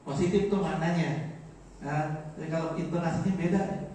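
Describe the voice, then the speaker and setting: A man's voice: on the high side, steady tone, moderate pace, mellow, distant mic, a little hiss or hum. A man with a Betawi accent giving a joking, informal morning sermon, explaining Arabic phrases. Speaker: religious teacher. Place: large mosque hall. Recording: echoey mosque, mic from afar.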